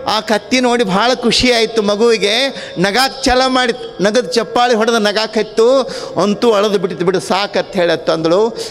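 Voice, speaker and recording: High-voiced man telling a sermon story. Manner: animated storyteller acting out the characters' lines. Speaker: swami giving a religious discourse. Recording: long hall reverb with faint music.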